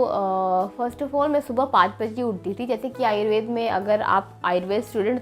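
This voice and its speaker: A young woman, a medical student, explaining her daily routine in a steady vlog with frequent pauses to think. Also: fairly high pitch.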